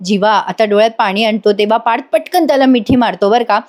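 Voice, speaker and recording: A woman's voice: fairly high pitch, quick pace, a little mellow. A woman narrating a casual episode recap of a TV serial, chatty and speaking directly to her viewers. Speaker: TV serial reviewer.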